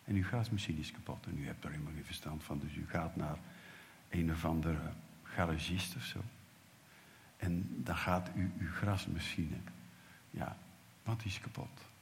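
A man preaches with a low, deep voice. He tells the story vividly, voicing its characters and swinging from loud to a hushed whisper. The church around him carries a long, trailing reverb. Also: steady tone, normal speed, gravelly, slight background noise. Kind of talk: sermon.

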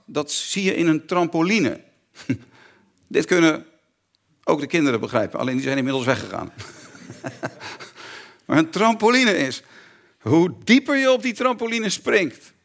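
Earnest preacher, higher voice. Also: male voice, fairly bright tone. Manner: earnest, repeats phrases for emphasis. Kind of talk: sermon.

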